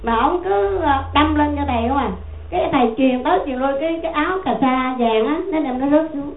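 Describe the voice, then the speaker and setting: A Buddhist nun tells a teaching story in a folksy, conversational, repetitive way. Her voice is high. The sound is narrow and phone-like, with a roomy echo and a faint hum underneath. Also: fairly quick. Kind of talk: dharma talk storytelling. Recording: echoey tinny phone-like sound.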